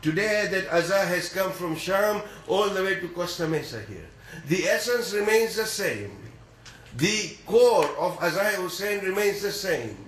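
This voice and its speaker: Earnest preacher in an echoey room. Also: male voice, sits high, fairly bright tone. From East Africa. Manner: measured, earnest preaching with deliberate pauses. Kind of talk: religious sermon.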